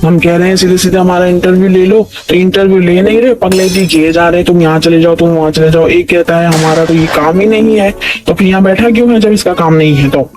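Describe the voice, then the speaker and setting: A man's voice: sits high, steady tone, fairly quick, natural voice. A man voicing a short-tempered male job applicant in a cartoon, scolding in an indignant rant. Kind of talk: cartoon dialogue. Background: music.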